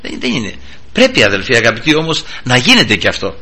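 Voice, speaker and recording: With a strikingly bright, ringing voice and wildly swooping pitch, a man preaches a fervent sermon in halting bursts. He keeps calling the congregation brothers, leaping from low and quiet to high and loud.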